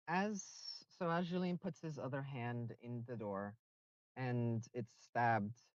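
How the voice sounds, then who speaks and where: A man narrating a tabletop game as game master, halting and restarting with many fillers. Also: mid-range voice, a little mellow, no room sound. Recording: dull lo-fi voice chat audio.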